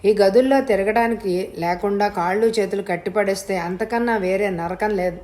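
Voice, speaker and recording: A woman's voice: medium pitch, normal speed, darkish tone, lightly acted. A woman voicing a young woman who feigns madness, talking in a childlike singsong, in a storybook reading. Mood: feigning madness.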